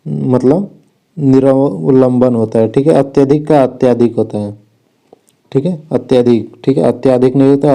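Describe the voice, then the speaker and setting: Dark-voiced man coaching spelling. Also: medium pitch. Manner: repeats "theek hai" after each point, with self-corrections. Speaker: exam coach. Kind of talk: spelling lesson walkthrough.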